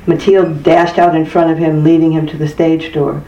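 A narrator reading a story aloud in a measured, even way. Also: mid-range voice, slight background noise. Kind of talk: scripted audiobook narration. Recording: distant, roomy, dull-sounding recording.

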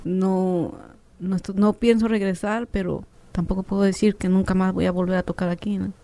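A woman's voice: mid-range voice, moderate pace. A woman who is a radio guest, telling a personal story and acting out the dialogue. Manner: animated storyteller, acts out dialogue.

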